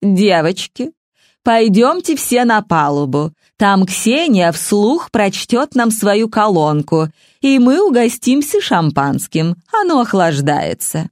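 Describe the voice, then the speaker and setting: A woman's voice: medium pitch, very animated, slow, darkish tone, dry recording, studio quality, pitched above the performer's own voice. Woman reading as a commanding, unshakable old lady.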